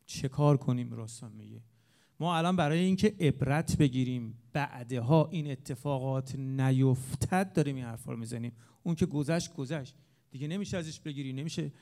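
A man giving an impassioned lecture to an audience, with sharp rises and drops in loudness. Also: mid-range voice, gravelly. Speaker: speaker on religious eulogy singing.

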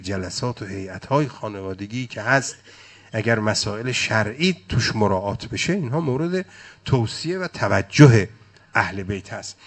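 Speaking at a medium pitch, this man preaches a mourning sermon and intones its lines in a chant. The emotion in his delivery makes it swell and then drop away.

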